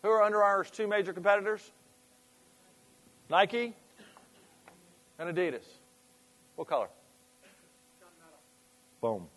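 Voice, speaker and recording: A man's voice: high-pitched, sing-song, unhurried, long pauses, fairly bright tone. A man giving an informal business presentation to a room, asking the audience questions and often restarting his sentences. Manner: conversational, asks the audience questions, trails off and restarts. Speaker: presenter at a fitness club industry meeting.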